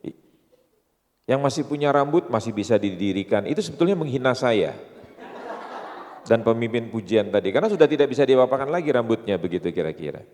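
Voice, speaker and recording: A man in his sixties with an Indonesian accent preaches at a seminar, teasing his listeners and checking in with them through rhetorical questions. His voice sits at a middle pitch, and a long hall reverb trails behind each phrase. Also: animated, a little fast, pauses often, a little mellow. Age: 60s. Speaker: pastor. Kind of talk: seminar sermon.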